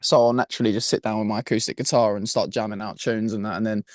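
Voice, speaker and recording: Fast-talking broad Essex bloke. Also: male voice, on the low side, flat delivery, no room sound, studio quality. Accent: broad Essex, Estuary English. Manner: chatty, slangy, peppers talk with "man" and "you know what I mean". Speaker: rock band singer-guitarist and songwriter, interview guest. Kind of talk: casual chat.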